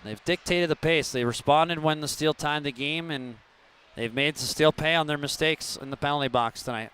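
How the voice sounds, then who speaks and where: A man's voice: fairly high pitch, moderate pace, a bit bright, slight background noise. A man calling hockey as a play-by-play broadcaster, with conversational, loosely phrased live commentary. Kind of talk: live sports commentary with promotional reads.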